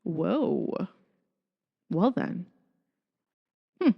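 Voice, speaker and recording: A woman's voice: fairly low pitch, sing-song, extremely slow, vocal fry, breathy edge, in a large hall, highs cut off. A woman hosting a casual solo podcast, chatting and thinking aloud as she reads passages from a book. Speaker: podcast host.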